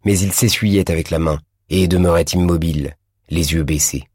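A man reads a classic novel aloud in a measured, deliberate way. His voice is very low with a husky edge. The recording is dry and close. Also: steady tone, darkish tone, no echo. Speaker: audiobook narrator. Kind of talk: scripted narration of a classic novel.

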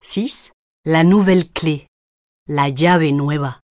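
Low-voiced woman reading lesson drills. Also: darkish tone, no room sound, studio quality. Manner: slow, carefully enunciated example phrases. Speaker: example reader. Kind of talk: recorded language lesson drills.

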